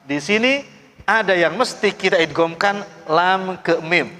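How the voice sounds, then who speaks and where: A middle-aged man leads a recitation class, calling out letters and coaxing his students to answer loudly. His voice sits a little high for a man and rings with a long reverb, like a hall or mosque. He speaks in a patient, drilling teacher's manner. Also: unhurried. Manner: drills students call-and-response, coaxing them to read loudly. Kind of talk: classroom tajwid lesson.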